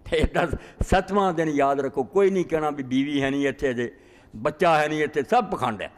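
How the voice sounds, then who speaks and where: A man giving a religious lecture as a cleric, answering questions with emphatic, scolding rhetorical questions. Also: medium pitch. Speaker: Islamic cleric. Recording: long hall reverb.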